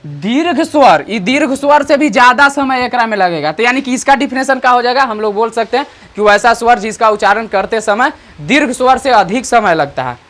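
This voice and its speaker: An online teacher, explaining grammar slowly and repeatedly checking understanding with rhetorical questions. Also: mid-range voice, fairly bright tone. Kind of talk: grammar lesson.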